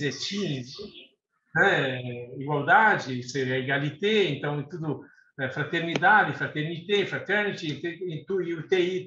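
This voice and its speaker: Chatty man, bright voice. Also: a little high. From Lebanon. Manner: chatty, laughs often, self-correcting. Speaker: guest. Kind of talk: casual interview chat. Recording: echoey room, dull lo-fi sound.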